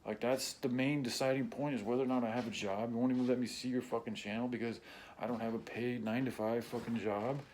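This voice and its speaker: A man in an unscripted personal rant, blunt and heavily profane, close to tears and often clearing his throat. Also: mid-range voice, fairly even intonation, quick pace, darkish tone, a little hiss or hum. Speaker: vlogger.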